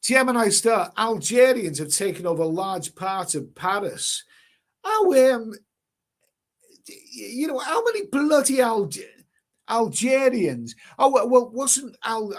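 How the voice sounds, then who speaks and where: A man's voice: high-pitched, lively intonation, a little slow. A man hosting a casual live stream, reading out chat comments and rambling with many repeated words and casual swearing. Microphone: webcam stream mic.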